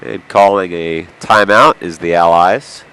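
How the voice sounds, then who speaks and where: A man's voice: low voice, unhurried, sharp tone, clean tone. A man with a nasal voice from a cold, calling amateur hockey play-by-play in an indoor arena with chatty, jokey asides. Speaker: play-by-play commentator.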